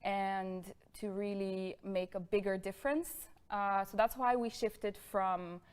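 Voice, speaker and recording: A young woman in her twenties from Bulgaria presenting a lecture, friendly, with many fillers and quick bursts. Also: medium pitch, steady tone, clear, resonant tone. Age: 20s. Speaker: guest lecturer. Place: studio room with pink sofa.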